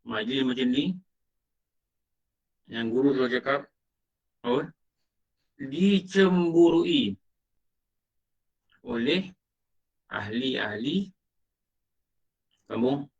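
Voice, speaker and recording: Extremely slow and full of long pauses, a man's expressive, medium-pitched voice carries an Islamic lecture in a Malaysian Malay accent. As the religious teacher, he asks listeners questions and dramatizes quoted dialogue; the recording is muffled and far from the mic.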